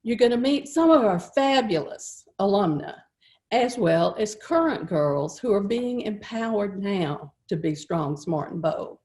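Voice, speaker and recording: A woman's voice: mid-range voice, lively intonation, unhurried. A middle-aged woman, emceeing a virtual gala and telling stories in a folksy way with some fillers. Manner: warm, folksy storytelling with filler words. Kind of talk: speaking to the camera at a virtual gala.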